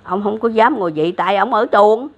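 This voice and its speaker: A woman's voice: mid-range voice, fairly quick. An older woman with a Southern Vietnamese accent, casually retelling a religious legend, rambling with many fillers and restarts. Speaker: elderly storyteller. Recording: dull lo-fi recording.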